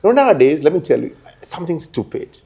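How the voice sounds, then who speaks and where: A man's voice: a little high, animated, fast, vocal fry, dark tone. A man hosting a casual panel chat, telling stories animatedly and laughing often. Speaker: host.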